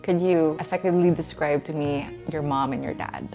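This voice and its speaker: A woman's voice: sits low, steady tone, a little fast, music in the background. A woman interviewer asking brief, direct questions.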